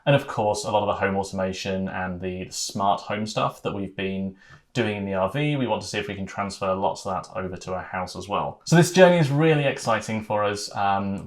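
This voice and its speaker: Earnest man talking to camera, fairly low. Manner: earnest, thoughtful, with fillers. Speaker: vlogger. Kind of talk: casual vlog to camera.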